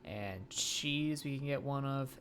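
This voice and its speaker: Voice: mid-range voice, slow pace, a bit bright, slight background noise. A game streamer giving playful commentary, stammering and talking to the game's characters.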